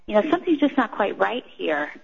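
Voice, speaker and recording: Lady caller on a phone line, gravelly voice, kinda hesitant, lots of you knows, dull muffled sound. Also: mid-range voice, very animated, fairly quick. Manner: hesitant, many "you know" fillers. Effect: over the phone. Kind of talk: call-in question.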